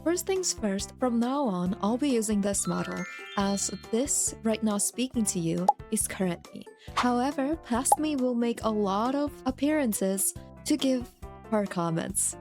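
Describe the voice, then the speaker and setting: A woman narrating her vlog from a script in a playful, self-mocking way, on a crisp new microphone. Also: fairly high pitch, animated, a little slow. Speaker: VTuber content creator. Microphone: new studio microphone. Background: background music.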